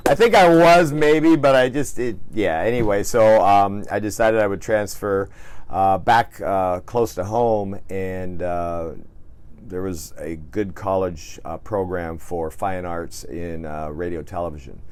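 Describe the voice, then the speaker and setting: An American man, a cruise director, answering interview questions in a casual, halting, easygoing way. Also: deep voice, a little mellow, clear, resonant tone.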